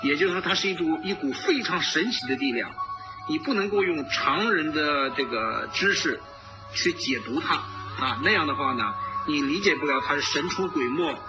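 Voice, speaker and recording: A man's voice: on the high side, animated, moderate pace, dull audio, music in the background. A man giving informal political commentary as a host, emphatic and repeating his phrases.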